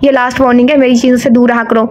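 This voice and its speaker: Brief: woman voicing a curt young widower, scolding tone, high-set voice, storybook reading. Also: flat delivery, very fast, slight background noise, close to an everyday voice. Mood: angry. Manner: sharp and scolding.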